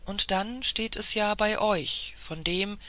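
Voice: medium pitch, slow, pushed and bright. A reader voicing a persuasive old-world police official. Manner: formal, insistent persuasion.

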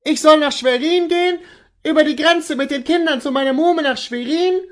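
A distraught young wife cries out in a high, shrill voice that breaks with alarm, as a male reader puts her on. Her pitch leaps and falls with every plea, frightened yet insistent. This is storybook reading of a classic tale. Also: lively intonation, moderate pace.

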